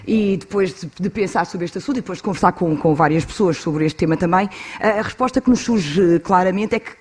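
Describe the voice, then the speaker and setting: Female conference panelist, European Portuguese accent, slightly breathy, argumentative and earnest, rhetorical questions. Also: fairly low pitch, a little fast. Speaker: conference panelist, anti-racist activist. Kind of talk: conference talk.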